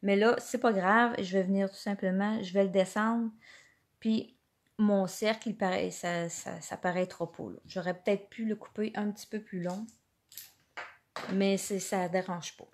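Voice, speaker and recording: A woman with a Quebec French accent walks viewers through a card-making project in a live tutorial. She talks in a chatty, unhurried way, filling pauses with hesitations and correcting herself as she goes. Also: mid-range voice, steady tone. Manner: chatty, hesitant, many fillers and self-corrections.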